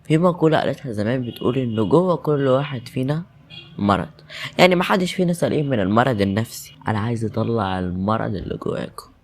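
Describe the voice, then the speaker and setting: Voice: mid-range voice, animated, fast talker. A voice actor with an Egyptian Arabic accent, performing an audio drama with tense, emotional delivery.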